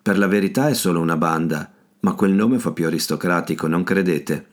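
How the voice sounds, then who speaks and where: A friendly village priest explains things calmly, voiced by a male reader. His low voice has a gentle, patient manner. It is an audiobook reading. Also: fairly quick, close to an everyday voice.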